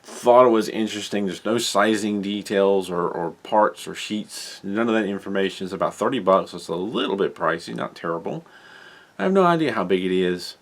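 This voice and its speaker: A man's voice: fairly low pitch, brisk. A man hosting a casual hobby news update, rambling and correcting himself as he reads out model details. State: has the hiccups. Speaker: hobby channel host. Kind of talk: casual solo news commentary.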